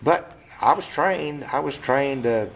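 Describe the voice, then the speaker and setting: This man in his seventies has a gravelly, slightly bright, medium-pitched voice, recorded with a little hiss or hum. Interviewed casually at home in his living room about his life, he's blunt and plain-spoken with some cursing, often pausing and restarting with "uh."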